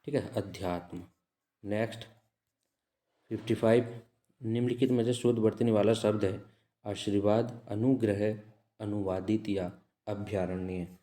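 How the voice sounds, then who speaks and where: Low-voiced man explaining test answers. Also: warm tone, roomy sound. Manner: measured, repeats answers with frequent "ठीक है" checks. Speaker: exam-prep teacher. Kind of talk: reading out and explaining test questions.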